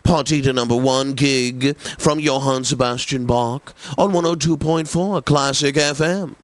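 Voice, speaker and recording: In a mid-range voice with no echo, a man lightly acts the part of a pompous, refined classical radio DJ for a video game. His deliberate, affected enunciation carries a droll, genteel, self-satisfied air.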